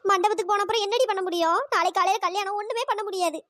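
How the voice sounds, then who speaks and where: Woman voicing a weepy young cartoon bride, super high squeaky voice, talks fast and pleading, dry close sound. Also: fairly bright tone, no room sound. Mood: stubborn. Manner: tearful, pleading. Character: anxious young bride crying before her wedding. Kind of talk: cartoon storytelling voice.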